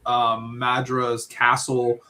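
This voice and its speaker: A man co-hosting a casual book podcast has a mid-range voice that is completely flat, slow, bright and forceful. He rambles with plenty of fillers and tends to close his points with "right?"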